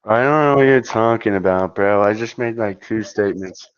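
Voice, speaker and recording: A man's voice: fairly low pitch, moderate pace, clear, resonant tone, no room sound, dull audio. A man in casual online voice chat, talking in a laid-back, mumbling, dismissive way. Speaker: voice chat debater.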